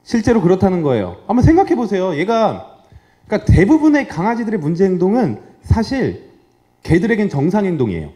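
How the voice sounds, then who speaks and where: Animated joking vet, mellow voice. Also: male voice, high voice, brisk. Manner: animated and joking, acts out dogs and owners. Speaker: veterinarian giving a public lecture. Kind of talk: lively live talk with audience questions. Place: lecture hall with a live audience.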